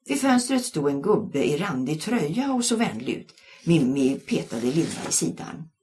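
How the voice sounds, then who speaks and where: Low-voiced, expressive woman storyteller. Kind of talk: audiobook narration.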